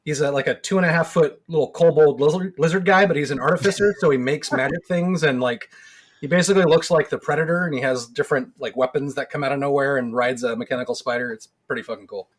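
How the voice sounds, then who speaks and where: A man in his forties chats on his podcast in a loose, rambling way. He laughs easily and drops the odd swear, sounding relaxed and unpolished. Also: fairly high pitch, quick pace. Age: 40s. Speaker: podcast co-host. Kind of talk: casual podcast chat.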